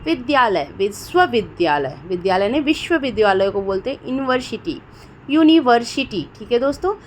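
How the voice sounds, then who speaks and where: A fairly high-pitched woman with an Indian accent gives a spoken vocabulary lesson. She often pauses to check in with her listeners and poses each question before she answers it. Faint noise sits under her voice. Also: very animated, darkish tone. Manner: repeats "theek hai doston" often and asks questions before giving answers. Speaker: English teacher.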